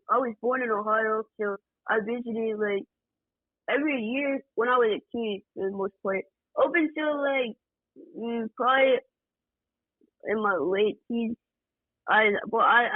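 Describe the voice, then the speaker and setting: A man from Georgia, a guest music producer, chatting casually in a relaxed, rambling way full of fillers. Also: high-pitched, a little slow, dry recording. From Georgia, USA. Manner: relaxed, rambling, many fillers like "like" and "you know". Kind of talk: casual interview chat. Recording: tinny phone-line sound, dry.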